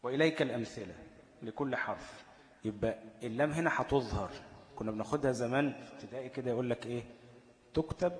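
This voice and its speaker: A man's voice: mid-range voice, long reverb tail. A man with an Egyptian Arabic accent teaching recitation rules, posing questions and answering them himself while checking that listeners follow. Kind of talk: explanatory lesson.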